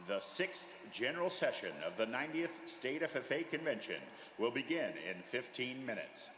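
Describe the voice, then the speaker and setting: A man making a formal public address announcement over hall loudspeakers at a convention, measured and formal. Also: mid-range voice. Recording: echoey loudspeaker announcement in a large hall with background noise.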